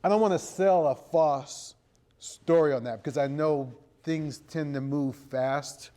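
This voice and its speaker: This interview guest, a middle-aged American who works as a creative director and video producer, explains things casually to a live crowd, peppering his answers with "you know" and "right?" He speaks at a measured pace in a fairly high voice with a dark tone.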